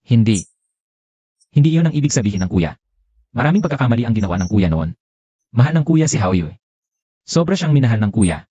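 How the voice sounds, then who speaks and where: A desperate grieving husband in a dubbed drama, his voice rising and falling with a wide, lively swing. The tone is dark and mellow, and the audio is dry and slightly dull. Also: mid-range voice, brisk, long pauses, husky, no room sound. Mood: pleading. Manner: pleading, insistent. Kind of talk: dubbed short drama acting.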